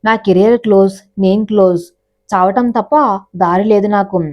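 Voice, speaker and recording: A woman's voice: mid-range voice, fairly even intonation, normal speed, muffled recording, close to an everyday voice. A woman voicing a persistent young man who pleads melodramatically. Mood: pleading.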